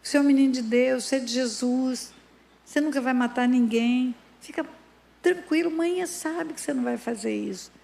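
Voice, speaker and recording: A woman voicing a gentle mother who soothes her frightened son. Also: sits high, moderate pace, creaky. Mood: soothing. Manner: soothing, reassuring.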